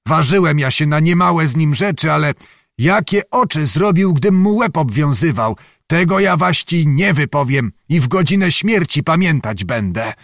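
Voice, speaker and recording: A man's voice: a little high, animated, moderate pace, fairly bright tone, no echo, clean studio sound, voice pushed up. A man voicing Zagłoba, a blustering old nobleman. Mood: indignant. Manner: bragging, grumbling, theatrical. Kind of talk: audiobook character reading.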